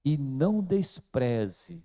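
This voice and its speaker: Slow, dark-voiced Brazilian preacher man. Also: on the high side, expressive. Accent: Brazilian Portuguese. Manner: slow, emphatic preaching with repeated phrases and swings in loudness. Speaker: pastor. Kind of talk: sermon. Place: church.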